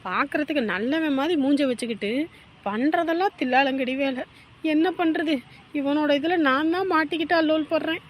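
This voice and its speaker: A woman's voice: sits high, normal speed, lightly acted. A woman playing a flustered young village woman who mutters exasperated asides in a family drama.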